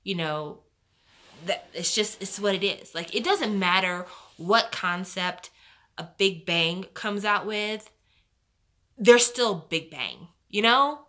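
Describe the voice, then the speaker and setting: A woman's voice: mid-range voice, slow, bright, forceful tone. A young woman hosting a live stream, chatting casually and giving strong opinions with lots of fillers. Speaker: livestream host.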